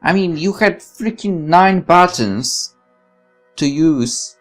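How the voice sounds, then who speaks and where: A let's player reads a visual novel aloud in a fairly low voice with lively intonation, speaking slowly over faint music. She keeps breaking off to give candid, opinionated commentary, exclaiming and swearing freely as she goes through the game text.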